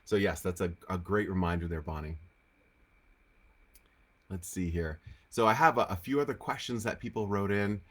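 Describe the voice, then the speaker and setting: A man's voice: deep voice, normal speed, pauses often, a bit bright. A man with a Rhode Island accent and a slightly nasal, congested voice, casually hosting a question-and-answer session in a conversational, encouraging way. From Rhode Island, United States. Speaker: host of a live Q&A. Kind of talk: casual spiritual teaching, answering viewer questions. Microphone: on camera with lighting setup.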